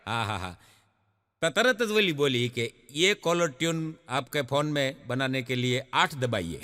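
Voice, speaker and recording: A man's voice: sits high, in a large hall. A man telling folk jokes on stage, acting out the voices of the people in his stories. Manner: lively storyteller, acts out characters' voices. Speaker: stand-up joke teller.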